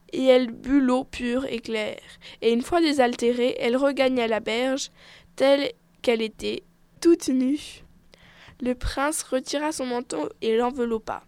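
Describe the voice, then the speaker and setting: High-voiced woman reading a fairy tale. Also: clear, resonant tone, no room sound. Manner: expressive, measured storytelling. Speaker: storyteller.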